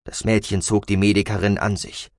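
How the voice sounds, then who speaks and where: A man narrating a science fiction audiobook in an expressive storytelling manner. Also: fairly low pitch, brisk, no room sound, studio quality.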